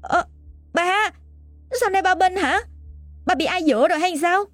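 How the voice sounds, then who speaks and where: A woman voicing a spoiled, quick-tempered young woman, shrill and shrieking. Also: dry recording, soft background music. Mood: shocked.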